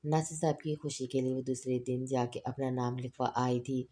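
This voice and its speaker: A woman narrating a romance novel in a steady, unhurried storybook reading. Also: a bass voice.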